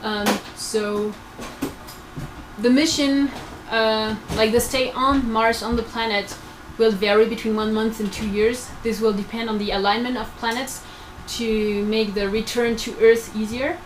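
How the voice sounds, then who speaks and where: A woman in her twenties, part of a research crew, gives explanatory answers to students in a fairly high, steady, slightly slow voice. The recording was made in a noisy room.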